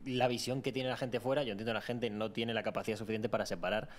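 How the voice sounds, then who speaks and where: A man's voice: lowish voice, little pitch movement, fast. A man hosting a casual interview, asking loose, informal questions. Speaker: interviewer host.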